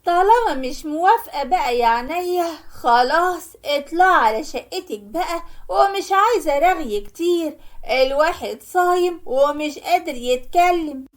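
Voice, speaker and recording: A woman's voice: extremely high pitch, animated, moderate pace. A woman voicing a cold, bossy mother-in-law with an Egyptian Arabic accent, brushing others off curtly. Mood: dismissive. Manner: curt, dismissive.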